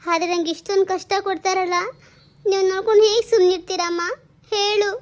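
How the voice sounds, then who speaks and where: A woman plays a suffering young wife in a home drama, with a very high, light voice. She laments her troubles and turns sharp and scolding. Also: fairly even intonation, quick pace. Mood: sorrowful.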